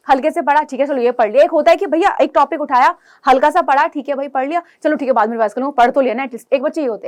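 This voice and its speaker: High-voiced chatty woman teacher. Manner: chatty, coaxing, Hindi-English mix, calls students beta and bhai. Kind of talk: exam-prep pep talk to students.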